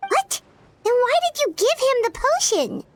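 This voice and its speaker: A woman voicing a small, excitable childlike female character in a video game. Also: very high-pitched, unhurried, full character voice. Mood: flustered.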